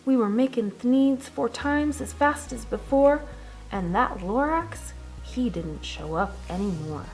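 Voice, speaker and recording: A woman reading a rhymed children's storybook aloud in an expressive, rhythmic way with dramatic emphasis. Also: on the high side, measured pace, soft background music, rough recording. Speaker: children's storybook reader, teacher.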